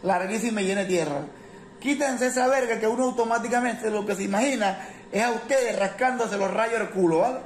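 A man's voice: high voice, a little fast, reverberant. A man with a Venezuelan Caribbean Spanish accent in a casual comic rant.

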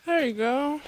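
A woman's voice: sits high, a little hiss or hum, poor audio. A young woman filming herself while hiking through the forest, chatting casually and a little tired, with a phone held at arm's length outdoors. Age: young adult. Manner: chatty, rambling, laughs often, talks while walking. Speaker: thru-hiker vlogger. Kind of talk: casual trail vlog. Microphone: phone camera held at arm's length.

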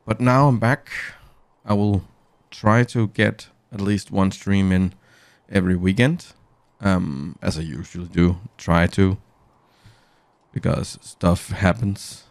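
On a relaxed game stream, a low-voiced man rambles slowly to his viewers, speaking into a studio mic through a mixer. The recording is dry.

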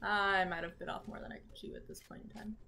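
A woman's voice: medium pitch, steady tone, fast, creaky, sharp tone, whispered. A woman streamer chatting casually with friends while gaming, playful and teasing. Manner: playful, teasing, laughs often. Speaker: streamer playing a shooter game. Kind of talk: casual gameplay chat with friends.

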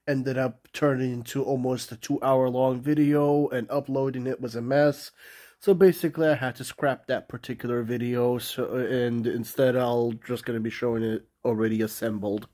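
The voice is mid-range and dark, made nasal by a cold. A man casually narrates a vlog while filming his small cluttered bedroom on his phone, restarting and using fillers, then signs off courteously.

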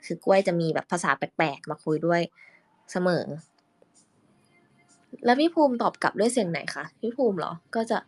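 A woman's voice: fairly low pitch, expressive, normal speed, pauses often, slightly rough, no room sound. A young woman with a sore throat hosting a casual live audio chat on her phone, chatty and playfully switching voices.

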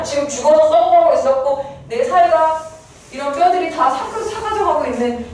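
A woman teacher walks her students through a poem in a chatty, playful way. She keeps tossing them quick questions. Her fairly high voice moves a lot, and it sounds distant in a heavily echoing room. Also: darkish tone, a little hiss or hum. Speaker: Korean literature teacher. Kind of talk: lecture explaining a poem. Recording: echoey room heard from a distance.

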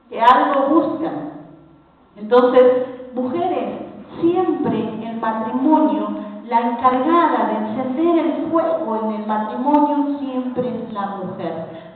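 A woman with an Argentine accent preaching a fervent sermon, exhorting and addressing the women in front of her directly. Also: high-pitched. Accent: Argentine Spanish. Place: large conference hall. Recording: tinny, echoey hall recording from far off.

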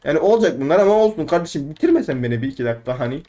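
A young man giving excitable, rambling let's play commentary, trash-talking opponents and talking to himself. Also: on the high side, very fast. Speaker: gaming YouTuber.

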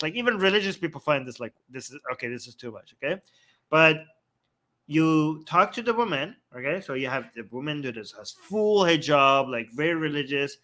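A man from Iran, co-hosting a casual livestream chat, animated and often laughing. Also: on the high side. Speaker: co-host.

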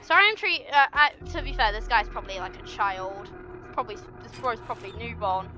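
A woman's voice: on the high side, lively intonation, fairly quick, muffled recording, over music. A woman giving casual gameplay commentary, chatty and playful, teasing the game's monsters as she plays. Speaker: gaming channel host.

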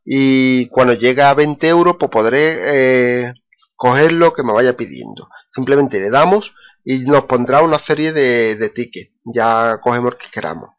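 A man's voice: medium pitch, lively intonation, a little slow. Man walking through a website. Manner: repetitive, many "eh" fillers, stresses "muy importante". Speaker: blogger explaining paid survey sign-up. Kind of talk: screen-recorded tutorial walkthrough.

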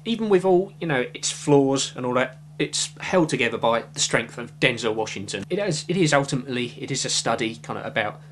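Animated and brisk with few pauses, a young man's fairly bright, mid-range voice carries his casual film review, recorded on a desk webcam with slight background noise. He's indoors in a small room full of film shelves, gesturing as he rambles and hedges with plenty of fillers.

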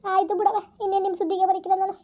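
A woman's voice: very high-pitched, flat delivery, very fast, phone-quality sound. A woman playing a whining, self-pitying middle-aged stepmother in a village family skit. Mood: resigned. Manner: plaintive, wheedling, self-pitying.

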